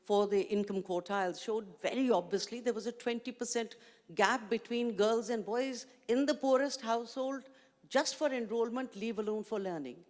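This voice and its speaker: A middle-aged Pakistani woman, a native Urdu speaker, tells reflective stories as a panelist in a panel discussion. Her voice is a little high and slightly mellow, at normal speed, captured on a handheld mic on a large conference hall stage with long hall reverb.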